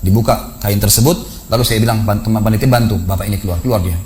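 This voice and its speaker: A man preaching a sermon, telling a story that swings between hushed and raised passages. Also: lowish voice, fast talker. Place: mosque.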